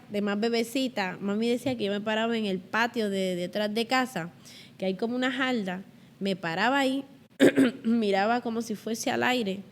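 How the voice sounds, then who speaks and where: Animated Puerto Rican woman telling stories. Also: medium pitch, slight background noise. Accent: Puerto Rican Spanish. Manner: animated, acts out childhood voices. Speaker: guest. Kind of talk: storytelling in an interview.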